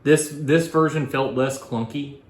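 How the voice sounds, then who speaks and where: A man's voice: mid-range voice, steady tone, unhurried. A man chatting informally as a guest board game reviewer, explaining his opinions in a rambling, casual way. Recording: echoey room.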